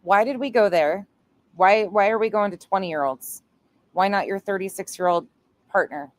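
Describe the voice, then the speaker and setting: A woman's voice: medium pitch, normal speed. A woman streamer reacting to clips with blunt, sarcastic, profane commentary. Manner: blunt, sarcastic, swears freely.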